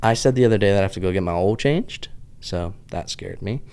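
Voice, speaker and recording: A man in his thirties, a vlogger host from Pittsburgh, USA, speaks with a Pittsburgh accent that carries a touch of the American South. His low, darkish voice is clear and resonant, and he talks briskly in a casual, rambling monologue that hops between tangents and is peppered with "like."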